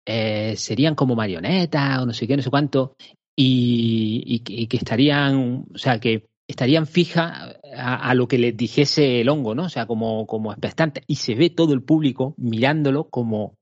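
A man from Spain with a Spanish accent, co-hosting a podcast in relaxed casual chat, telling stories and laughing often. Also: mid-range voice, moderate pace, no room sound, lo-fi sound. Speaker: podcast co-host.

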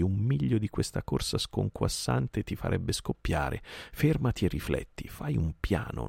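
A man's voice: low voice, vocal fry, a little mellow, husky, no echo, clean studio sound, exaggerated voice. A man voicing a proud, furious female panther who scolds her companion in an audiobook reading.

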